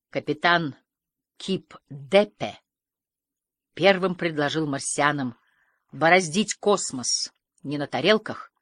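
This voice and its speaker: Lower-voiced woman reading children's stories. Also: slightly rough, dry recording. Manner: playful, expressive storytelling with slow, drawn-out pauses. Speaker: audiobook reader.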